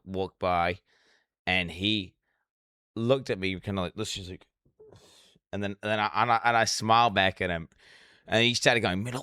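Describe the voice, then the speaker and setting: A young man in casual live-stream commentary rambles on, swearing and breaking off into restarts. His voice is bright and crisp. The sound is dry and close. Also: lowish voice, dry recording. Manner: rambling, profane, restarts often. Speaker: streamer reacting to a documentary.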